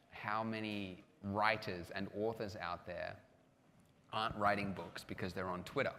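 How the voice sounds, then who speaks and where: A man's voice: lowish voice, a bit bright. A man speaking casually at a live panel, chatty and self-deprecating, with lots of restarts and filler words. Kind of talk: casual conference talk with audience questions. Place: large hall with audience. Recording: long hall reverb with faint background noise.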